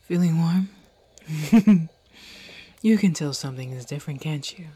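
A woman's voice: low voice, quick pace, mellow, a little hiss or hum, lightly acted. A woman playing a possessive, seductive female alien in an audio roleplay, teasing and commanding in a whispery voice.

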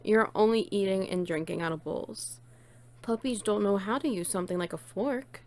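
A woman's voice: medium pitch, moderate pace, darkish tone, close to an everyday voice. A woman playing a playful, teasing, bossy friend in an intimate one-sided audio role-play, coaxing and doting on the listener. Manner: teasing, coaxing, cooing praise.

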